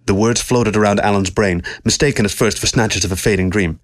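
A man narrating a science-fiction story aloud with steady, measured storytelling. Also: lowish voice, no room sound, clean studio sound.

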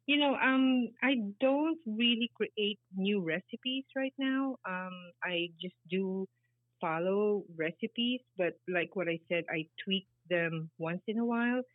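A woman's voice: medium pitch, slow pace, no room sound. A middle-aged woman from the Philippines, answering interview questions casually with many fillers. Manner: rambling, many fillers, laughs easily. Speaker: guest, baker and business founder. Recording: tinny phone-like line.

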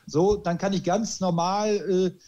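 A man in casual podcast chat, voice on the higher side, animated and quick to restart his sentences. He fills pauses with plenty of hesitations and keeps talking. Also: muffled recording. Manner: animated, frequent restarts and filler words. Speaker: podcast host. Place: lives in Spain.

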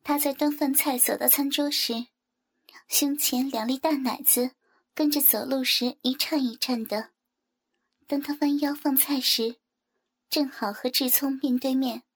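A woman reading a story aloud as narrator in a smooth, even storytelling delivery. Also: sits high, a little slow. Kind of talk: scripted narration.

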